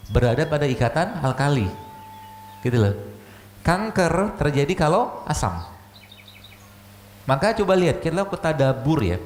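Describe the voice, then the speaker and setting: With a mid-range, darkish voice, a male doctor gives a chatty lecture on religion and health. He keeps it conversational, leaning on rhetorical questions and tossing in "gitu loh" again and again. Faint background noise carries through an echoey room.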